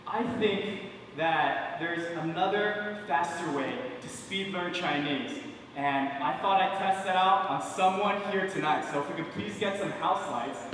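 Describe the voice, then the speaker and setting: A man's voice: fairly high pitch, a bit bright, a little hiss or hum. Young man doing playful magic patter. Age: 20s. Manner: playful, joking with an audience volunteer. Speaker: stage magician. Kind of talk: live stage magic patter. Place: large indoor theater stage. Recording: echoey theater hall, distant mic.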